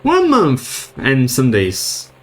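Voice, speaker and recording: A man's voice: medium pitch, huge pitch swings, very slow, a bit bright, poor audio. A man streaming a video game, chatting casually and reading in-game notes aloud, stumbling over words. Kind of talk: casual let's-play commentary.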